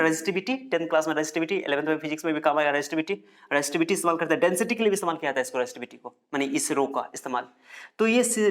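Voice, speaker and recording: A man's voice: fairly high pitch, fairly bright tone. A male teacher from India giving a chatty classroom lecture, repeating terms and joking as he writes on the board.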